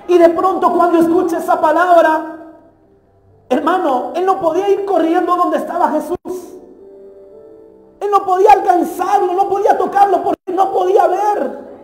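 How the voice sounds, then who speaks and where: A man preaching a Pentecostal sermon with passion, often shouting and acting out a beggar's cries. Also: very high-pitched. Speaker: pastor. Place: church hall. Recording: echoey hall, long reverb.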